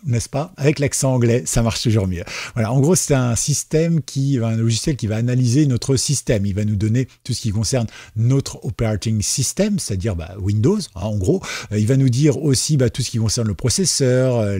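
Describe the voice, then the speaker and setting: A man with a mellow, slightly husky voice walks viewers through a software tutorial in a relaxed, chatty way. His speech is full of fillers and asides. The recording is dry and close to the mic. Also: medium pitch, no echo. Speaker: tech tutorial host.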